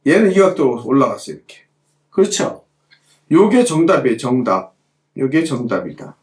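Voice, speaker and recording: Brisk and very animated, a middle-aged man runs a hands-on calligraphy class in a mid-range voice, the audio reverberant. He repeats himself for emphasis and throws rhetorical questions at the class while demonstrating.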